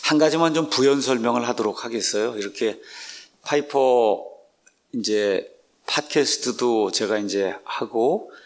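A man, a pastor and Bible translator, teaching a book study series in an unhurried way with many drawn-out filler sounds. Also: mid-range voice.

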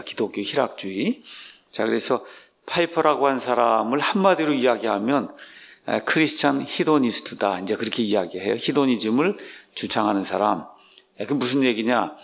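A man, a pastor and Bible translator, teaching a book study series in an unhurried way with many drawn-out filler sounds. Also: mid-range voice, creaky.

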